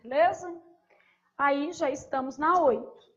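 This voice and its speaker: A woman's voice: high voice, takes it slowly, muffled recording. A woman teacher going through exam questions step by step, often checking in with short tag questions. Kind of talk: recorded exam review lesson.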